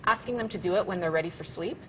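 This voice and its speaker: A woman's voice: on the low side, very fast, crowd noise. A woman speaking as a parenting expert, explaining conversationally in a practical, encouraging way.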